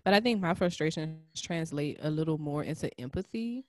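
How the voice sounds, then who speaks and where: A woman's voice: deep voice, expressive, a little fast, no room sound, studio quality. A woman co-hosting a casual podcast chat, supportive and reflective, often affirming her partner. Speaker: podcast co-host.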